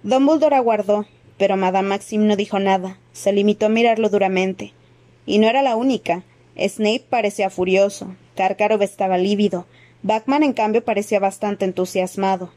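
A woman reading a novel aloud, narrating in a steady, expressive way. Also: mid-range voice, normal speed. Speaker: audiobook reader. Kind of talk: scripted narration.

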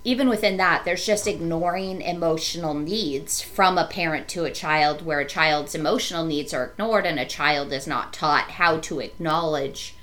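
A woman's voice: sits low, moderate pace, few pauses, a bit bright. A woman co-hosting a podcast, explaining her point in an earnest, conversational way. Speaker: podcast co-host.

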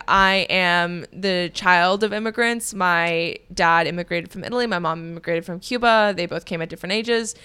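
A woman's voice: mid-range voice, pushed and bright, clean tone. A young woman co-hosting a movie podcast, chatting in a rambling, giggly way full of fillers. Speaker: podcast co-host. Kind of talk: casual chat.

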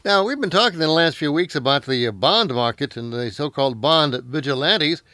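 A man's voice: a little high, animated, a little fast, sharp tone, no room sound. Male radio host in a dry studio sound. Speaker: host of a live financial radio show. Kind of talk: radio hosting, announcing and interviewing.

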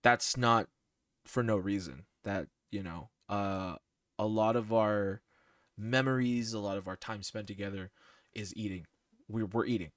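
A man's voice: on the low side, measured pace, dry recording, clean studio sound. Man retelling a mix-up in mock outrage. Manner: animated, mock-exasperated storytelling. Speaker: podcast host. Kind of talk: casual chat among friends.

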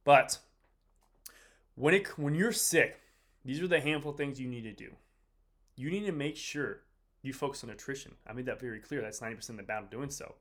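A man's voice: medium pitch, a little fast, pauses often, a bit bright. A man who is sick and drained, hosting a casual motivational fitness podcast with slangy, repetitive, rambling direct address. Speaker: podcast host, fitness coach. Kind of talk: casual motivational podcast talk to a live audience.

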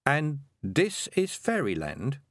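A man voicing a sharp-minded, determined young girl. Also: mid-range voice, wildly swooping pitch, takes it slowly, no room sound, studio quality, voice pushed up, full character voice. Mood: earnest.

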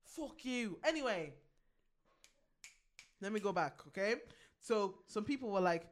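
A woman's voice: medium pitch, expressive, unhurried. A young woman co-hosting a podcast, ranting, swearing and laughing through a casual chat. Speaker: podcast co-host.

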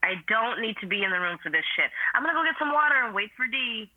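An actress playing a stoned, irritated ex-wife who talks in laid-back slang. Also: female voice, on the high side, animated, fast, no room sound. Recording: tinny phone line.

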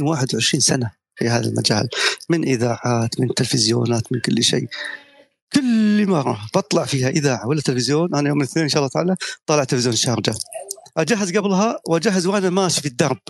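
Here a middle-aged media professional is the guest speaker in an audio chat room talk, his voice pitched a little high. He tells anecdotes and makes his points in a persuasive, lecturing way.

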